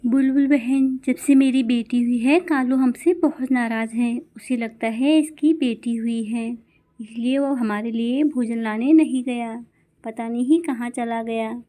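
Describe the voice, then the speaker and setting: A woman's voice: on the high side, fairly even intonation, measured pace, mellow, lightly acted. Woman voicing a tearful mother bird. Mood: sad. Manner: tearful, pleading.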